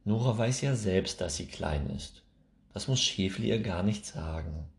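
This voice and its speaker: Deep-voiced male reader for a children's book, slow and very expressive. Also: creaky. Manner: expressive, measured. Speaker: narrator. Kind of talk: children's storybook reading.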